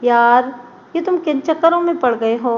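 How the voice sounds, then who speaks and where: A woman's voice: high-pitched, normal speed, muffled recording, close to an everyday voice. A woman voicing a talkative, playfully teasing young man in an audio story.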